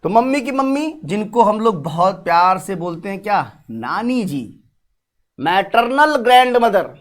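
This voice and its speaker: A man's voice: sits high, sing-song, normal speed. A man teaching an exam-prep class, repeating key terms and answering his own questions. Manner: talks while writing on a board. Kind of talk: online exam-prep lesson.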